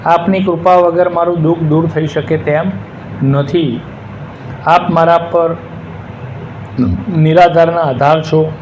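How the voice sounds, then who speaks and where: A man's voice: a little high, level tone, slow pace, long pauses, a little mellow. A man voicing a dying old sage in a humble, pleading prayer. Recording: dull lo-fi with faint hiss.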